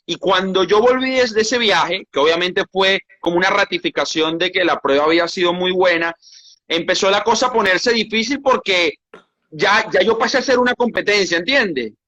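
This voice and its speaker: A man's voice: sits high, moderate pace, lo-fi sound. A man with a Venezuelan accent, a sports journalist telling his stories in a casual interview with frequent restarts. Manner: animated storytelling with frequent restarts.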